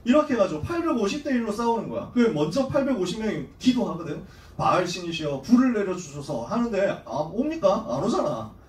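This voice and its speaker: A male youth pastor rattles through a Bible story in a high, very animated voice, slangy and playful with his listeners. He sits back from the mic in an echoey church hall, with faint ambience behind him. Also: fast, few pauses, recorded from a distance, slight background noise. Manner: casual and slangy, acting out story scenes. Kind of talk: lively youth sermon.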